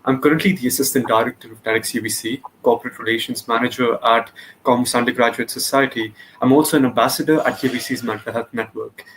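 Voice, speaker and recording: Young guy introducing himself kinda formally, normal pitch, bit of background noise. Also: fairly even intonation, fast, fairly bright tone, low-quality recording. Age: young adult. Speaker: student panelist. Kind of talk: fluent, formal self-introduction.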